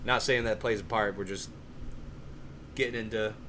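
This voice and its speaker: A man's voice: lowish voice, steady tone, normal speed, sharp tone, slight background noise. A man co-hosting a casual podcast, joking and teasing his partner. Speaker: podcast co-host.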